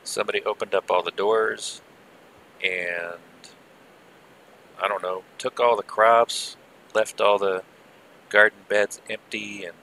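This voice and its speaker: A man giving casual, rambling live gameplay commentary with muttered asides, heard through low-quality stream audio from an old headset. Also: steady tone, slow pace, creaky, long pauses, bright, forceful tone. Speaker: game server streamer.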